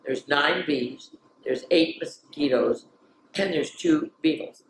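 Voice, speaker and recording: Speaking directly to young listeners, a woman gives an animated children's read-aloud, sliding into whispers for refrains and breaking off for chatty asides. Her low voice moves slowly, and the echoey room recording carries a little hiss or hum.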